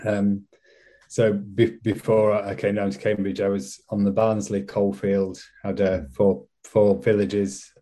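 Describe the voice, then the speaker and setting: A man's voice: on the low side, level tone, measured pace, warm tone. A man from West Yorkshire with a Yorkshire accent, a college chaplain answering interview questions in a casual, self-deprecating way with frequent restarts. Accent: Yorkshire English. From West Yorkshire, England.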